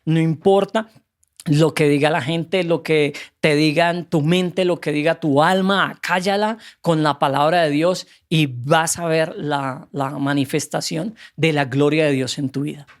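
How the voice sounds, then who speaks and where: A man's voice: fairly high pitch, measured pace. Earnest man telling a testimony. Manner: earnest, animated storytelling with acted quotes. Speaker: podcast guest. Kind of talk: testimony and faith exhortation.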